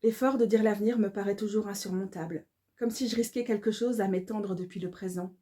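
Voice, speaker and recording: A woman reads her own devotional verse in a calm, measured, incantatory way. Her voice is mellow and warm, and her pitch sits in the middle. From Belgium. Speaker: author reading her own book. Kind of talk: devotional poetry reading.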